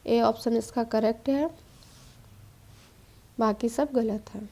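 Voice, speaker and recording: Woman teacher, exam-prep spelling lesson, steady and explanatory, higher pitch, soft warm tone. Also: slow pace, gravelly. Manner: steady explaining tone, mixes English quiz terms. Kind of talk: spelling quiz walkthrough lesson.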